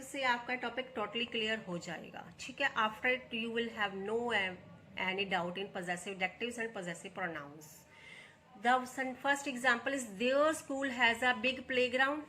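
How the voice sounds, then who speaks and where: A woman with an Indian accent, teaching grammar in a clear, bright voice pitched a little high. She reads each example sentence slowly, then steps through it by asking a question and answering it herself. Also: a little hiss or hum. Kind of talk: explaining English grammar step by step.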